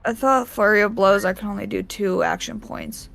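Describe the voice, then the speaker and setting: A tabletop game player with a hoarse, worn-out voice, talking casually and hesitantly. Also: mid-range voice, fairly even intonation, normal speed, a bit bright. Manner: hesitant, unsure, asking how things work.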